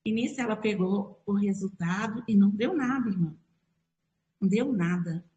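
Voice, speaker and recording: A woman's voice: medium pitch, normal speed, mellow, roomy sound, dull audio. A middle-aged woman from Brazil telling a personal religious testimony, acting out the lines she and others said. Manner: storytelling, acts out her quoted dialogue. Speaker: church member giving testimony.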